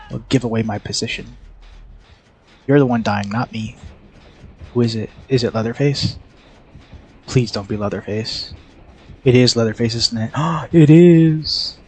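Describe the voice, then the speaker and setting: A man streaming a horror game live, chatting with viewers and reacting loudly to the match. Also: mid-range voice, slight background noise. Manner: chatty, reacts loudly and reads chat aloud. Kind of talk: live gameplay commentary.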